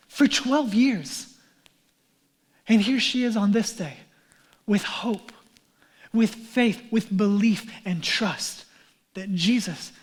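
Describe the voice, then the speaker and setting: A man preaching a sermon as pastor, earnest and conversational, dropping to a hush for emphasis and using casual asides. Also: high-pitched.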